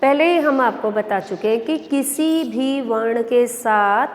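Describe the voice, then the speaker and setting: A woman schoolteacher giving a recorded lesson to young pupils, explaining slowly and patiently with repeated examples. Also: on the high side. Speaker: school teacher. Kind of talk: recorded online class lesson. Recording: long reverb of an echoey room.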